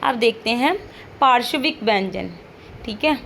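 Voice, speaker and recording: A woman's voice: on the high side, expressive, unhurried, gravelly, fairly bright tone, a little hiss or hum. A woman teacher giving an online lesson, patiently repeating each point, modeling sounds aloud and checking in with frequent questions.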